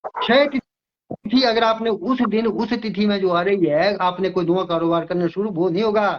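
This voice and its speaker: An older astrologer from Himachal Pradesh speaks in a high-pitched voice, lecturing emphatically and repeating himself as he explains. The audio is dull and lo-fi. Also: moderate pace. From Himachal Pradesh, India. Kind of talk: interview.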